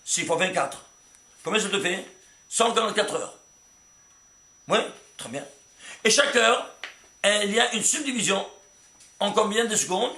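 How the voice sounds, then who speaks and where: A man teaching a kabbalah class as rabbi, asking his students questions and rising to excited exclamations. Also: sits high, a little slow, pauses often. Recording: echoey room, faint hum.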